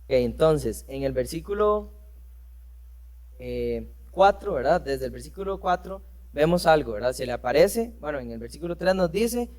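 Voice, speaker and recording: Man preaching a Bible teaching. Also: a little high. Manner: reads verses aloud, then explains with rhetorical questions; frequent fillers and self-corrections. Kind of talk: church teaching with scripture reading.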